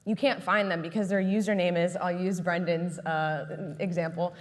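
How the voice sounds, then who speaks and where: A woman's voice: fairly low pitch, level tone, normal speed. A young woman giving an upbeat, chatty talk at an expo, with many fillers. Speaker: presenter. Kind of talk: conference talk. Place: large expo hall. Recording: long hall reverb.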